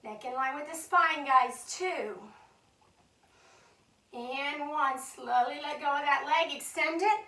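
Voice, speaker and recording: A woman's voice: high voice, slow pace, pushed and bright. Woman fitness instructor, encouraging, cueing reps, slightly breathless, roomy distant sound. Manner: encouraging, counts reps aloud, addresses class as guys. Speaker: Pilates instructor. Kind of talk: live fitness class cueing. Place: fitness studio. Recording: echoey studio from far off.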